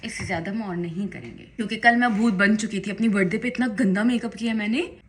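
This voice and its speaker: A woman's voice: mid-range voice, quick pace. A young woman talks casually in a makeup vlog while doing her makeup at home. Her speech is chatty and emphatic, and she rises into indignant bursts. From Pakistan. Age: young adult. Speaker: vlogger. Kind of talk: casual get-ready-with-me vlog chat.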